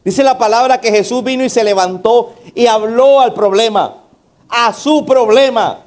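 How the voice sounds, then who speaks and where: Emphatic high-voiced man preaching a sermon. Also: unhurried, a little mellow. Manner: preaching with rhetorical questions and call-outs to the congregation; emphatic, varying between raised and low delivery. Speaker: pastor.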